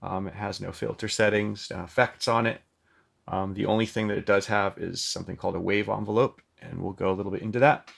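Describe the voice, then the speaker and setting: A man's voice: on the low side, steady tone, brisk, vocal fry, a bit bright, slightly rough. A man giving a casual, chatty product demo of a synth, with loose phrasing and lots of filler ums. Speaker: synth demonstrator. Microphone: microphone plugged into the synth.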